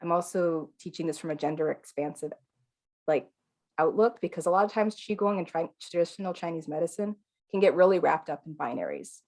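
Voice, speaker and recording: In a live online qigong class, the non-binary instructor, who sounds female, keeps things calm, soothing and chatty, with fillers and the occasional light laugh. Their pitch is fairly low and they talk a little fast.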